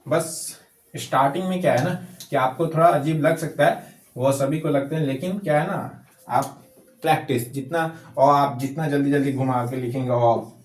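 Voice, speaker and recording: A man teaching Hindi letters, explaining slowly and repeating each step patiently. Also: medium pitch, steady tone. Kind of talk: casual handwriting lesson. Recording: echoey room.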